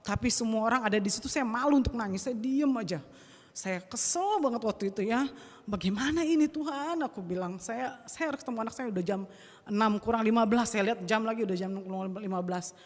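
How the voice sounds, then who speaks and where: A woman's voice: fairly high pitch, fast. Woman telling an emotional testimony. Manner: emotional storytelling, acts out the quoted dialogue. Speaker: church member giving testimony. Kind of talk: spoken testimony at a church prayer meeting. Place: church hall. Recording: long hall reverb.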